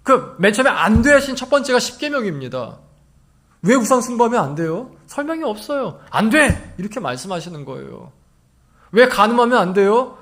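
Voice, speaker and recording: Lively high-voiced Korean pastor preaching. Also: male voice, a little fast. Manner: lively preaching, acts out short quoted lines, rises to emphatic shouts. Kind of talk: sermon. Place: church sanctuary.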